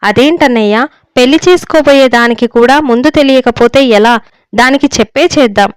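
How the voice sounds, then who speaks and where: A woman puts on a middle-aged aunt who sounds worried and helpless, her lines coming out tearful, in a storybook reading. The voice is smooth and clear and sits a touch high, recorded dry and close. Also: brisk, no echo, lightly acted. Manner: tearful, pleading.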